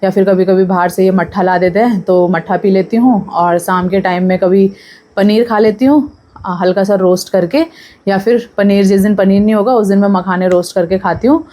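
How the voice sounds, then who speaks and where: A woman's voice: medium pitch, moderate pace, mellow. A young pregnant woman chatting casually to camera in a vlog, talking freely and drifting off topic. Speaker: vlogger.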